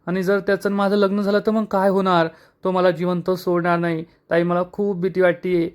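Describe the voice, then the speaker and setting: A terrified young woman begs for help in a rushed, pleading voice, as a man reads her lines. Her voice sits somewhat high and hurries along. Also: monotone, smooth, natural voice. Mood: frightened.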